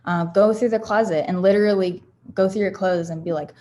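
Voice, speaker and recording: Brisk and mellow, her medium-pitched voice keeps a fairly even intonation. She is a founder offering self-help affirmations in a casual, candid, rambling talk marked by many fillers and restarts.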